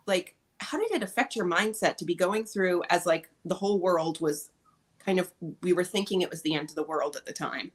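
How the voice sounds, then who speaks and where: A woman co-hosts a casual podcast interview in a somewhat low voice. She is playful and puts long questions to her guest, with lots of "um" and "like". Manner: playful, then steers the talk with long questions. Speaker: podcast co-host.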